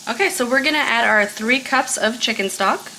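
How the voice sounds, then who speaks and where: A woman's voice: on the high side, normal speed, noisy background. A woman explaining a recipe step by step in a casual, chatty cooking video, recorded in a home kitchen, laughing now and then. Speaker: cooking vlogger.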